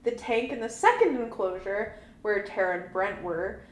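A woman co-hosting a podcast, giving animated, laughing commentary on a movie in casual chat. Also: mid-range voice, moderate pace. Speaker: podcast co-host. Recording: roomy room sound.

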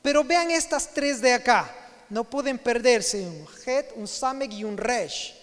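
A man preaching as pastor, emphatic, slowly stretching out the key words of his sermon. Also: very high-pitched, expressive, a bit bright. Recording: long hall reverb.

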